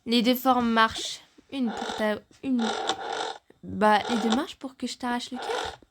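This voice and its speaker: A woman's voice: on the high side, steady tone, unhurried, very noisy. A woman voicing several family characters in a home-made fan drama, shifting her voice between the parts as they banter.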